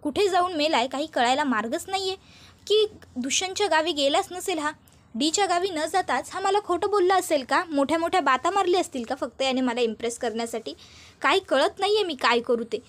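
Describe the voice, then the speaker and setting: Lady putting on a bratty young woman, loud high voice, nagging nonstop. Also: lightly acted. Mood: anxious. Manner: shrill, rapid, demanding questions. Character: spoiled young woman, frantic and demanding.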